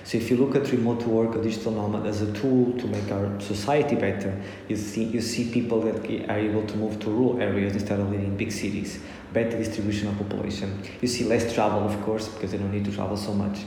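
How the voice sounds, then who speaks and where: A man with a Portuguese accent recounts his story, stopping and restarting often as he searches for words. His voice is low and mellow. It rings out in a large echoey hall with a faint hiss behind it. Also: level tone. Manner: halting, many restarts and fillers. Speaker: interview guest. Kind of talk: casual storytelling.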